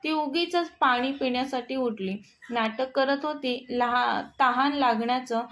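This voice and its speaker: Female storyteller, high voice, steady plain narration.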